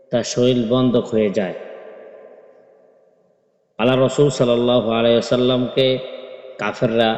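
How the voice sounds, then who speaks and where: A man teaching Quran reading, very slow and deliberate, who spells out each letter before chanting the verse in a drawn-out melody. His voice carries a long reverb, as if he is in a large hall. The recording is dull and lo-fi. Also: medium pitch, darkish tone. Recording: echoey, dull lo-fi room sound.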